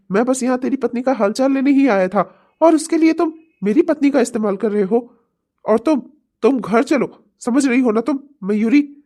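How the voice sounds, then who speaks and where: A woman's voice: fairly high pitch, darkish tone, close to an everyday voice. A woman voicing a frustrated husband in a cartoon comedy, scolding his wife and then begging her to come home. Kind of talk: Hindi cartoon comedy voice acting.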